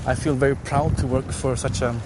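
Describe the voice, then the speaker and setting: Man from Sweden, executive guest, relaxed and halting, audible outdoor noise. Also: mid-range voice. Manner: easygoing, halting with fillers. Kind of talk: interview answers.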